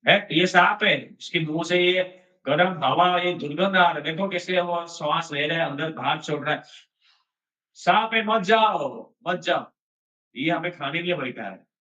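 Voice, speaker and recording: A man's voice: fairly high pitch, measured pace, pushed and bright. A man voicing a frightened young male cowherd friend who warns the others. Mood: alarmed. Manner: alarmed, warning the others. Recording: echoey, distant, dull sound.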